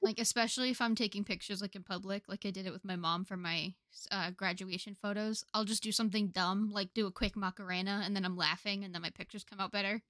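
A young woman from the United States chats easily as a podcast co-host. She talks loosely, with plenty of fillers and quick laughs. The sound is close and dry. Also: medium pitch, fairly even intonation, fairly bright tone, dry recording. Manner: chatty, laughs often, many fillers. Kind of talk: casual chat.

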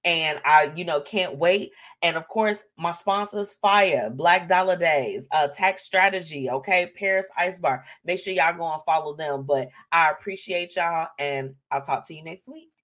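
A woman's voice: low-pitched, measured pace, a bit bright. A woman hosting a live online show in casual chat, encouraging and emphatic, often repeating words and phrases and checking in with little tags. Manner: conversational, often tags statements with "okay"; uplifting, encouraging.

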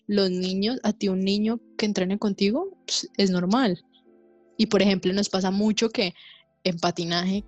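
A chatty woman with a somewhat low voice talks casually, filling her sentences with fillers. She acts out what other people say in bursts, and faint music plays behind her. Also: lo-fi sound. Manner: animated, many fillers, acts out quotes. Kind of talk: casual chat.

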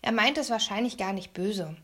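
A woman's voice: mid-range voice, moderate pace, a bit bright, natural voice. A woman voicing a young boy who talks in an urgent, coaxing way. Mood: urging. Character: young boy, the storyteller, nervous but kind.

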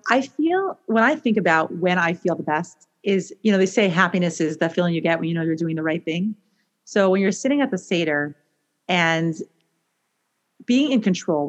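A woman guest author talking casually in a podcast, animated and rambling with lots of restarts. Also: mid-range voice. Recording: slightly dull lo-fi sound.

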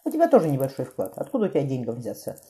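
A woman's voice: extremely low pitch, wildly swooping pitch, rapid-fire, warm tone, heavily acted. A woman voicing a grave, practical merchant husband who asks sober questions in an audiobook. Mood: questioning.

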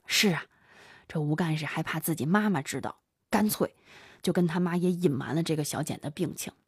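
A woman telling a story in animated chat, dramatic and full of sighing interjections. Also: deep voice, fairly quick, husky, no room sound, studio quality.

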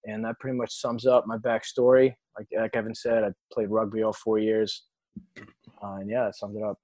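A man's voice: lowish voice, level tone, a little fast, no echo. Boisterous young man with a New York accent. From South Florida. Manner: loud, boisterous and joking. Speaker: podcast guest. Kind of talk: casual podcast conversation.

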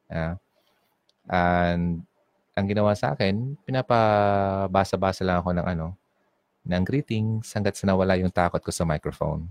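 A young Filipino man from Bicol, speaking with a Bicolano accent, hosts a casual online call-in radio show, chatting in Taglish and reading out listener messages. His voice is low, gravelly and darkish, with no room sound.

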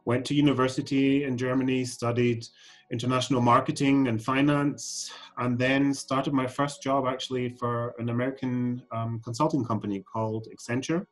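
A Scottish-born man in his forties, raised in Germany and now a fashion council CEO, is a guest on a podcast, fielding questions hesitantly with lots of ums and restarts. His voice is medium in pitch and steady in tone, delivered at a moderate pace over soft background music.

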